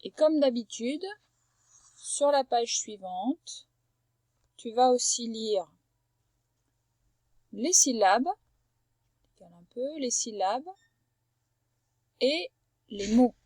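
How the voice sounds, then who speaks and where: A woman teaching a young child to read, patient and clear, slowly drawing out words so each sound can be heard. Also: a little high, expressive, warm tone, no room sound. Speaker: primary school teacher. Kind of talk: remote reading lesson for a young child. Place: at home.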